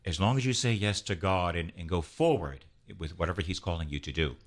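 A man's voice: low voice, fairly quick. A man, a priest, hosting an interview, leading a prayer and speaking with fervent, preaching emphasis. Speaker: priest and host.

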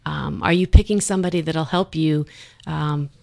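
A woman's voice: sits low, steady tone, normal speed, vocal fry, dark tone. A woman guest on a radio show, talking in a reflective, questioning way. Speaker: studio guest. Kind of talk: conversational talk.

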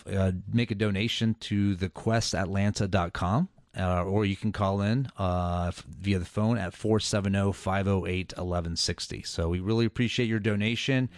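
Low-voiced male radio host. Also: dry recording, studio quality. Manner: filler-heavy, loose delivery. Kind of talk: radio pledge drive talk.

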